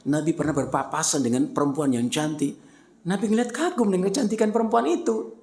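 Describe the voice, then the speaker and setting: A man's voice: a little high, a little fast, darkish tone. A male preacher giving a playful, conversational sermon to women, speaking to them directly. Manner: joking, playful, addresses listeners directly. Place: mosque. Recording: roomy echo.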